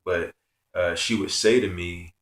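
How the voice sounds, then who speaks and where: A man's voice: low voice, steady tone, measured pace, fairly bright tone, roomy sound. A man telling a personal spiritual story in an earnest, rambling way, with many fillers. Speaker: spiritual vlogger.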